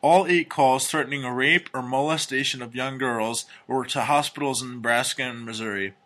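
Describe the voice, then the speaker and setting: A man co-hosting a casual comedy podcast, reading strange news stories and personal ads aloud with crude, deadpan jokes. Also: mid-range voice, normal speed. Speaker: podcast co-host.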